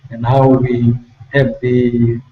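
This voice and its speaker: A man from Fiji, answering questions on a video call with earnest, grateful, slow explanations. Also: medium pitch, completely flat delivery. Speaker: guest. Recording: echoey, distant, muffled video call.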